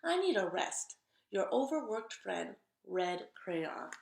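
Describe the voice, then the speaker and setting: A woman's voice: medium pitch, big pitch swings, slow, vocal fry, reverberant, a little hiss or hum, exaggerated voice. A woman voicing an overworked, fed-up crayon in a children's storybook, complaining emphatically. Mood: weary complaint.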